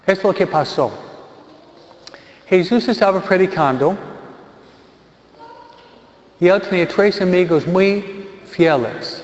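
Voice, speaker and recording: A priest with a fairly high voice gives a funeral homily at a very slow, deliberate pace, switching between Spanish and English. The recording comes from a church hall with a long, ringing reverb and a somewhat dull, muffled tone. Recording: echoey church hall, slightly dull sound.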